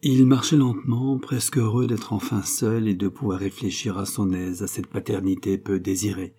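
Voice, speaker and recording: A man narrating an audiobook chapter in a measured, even reading. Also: lowish voice, breathy edge. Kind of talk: scripted narration.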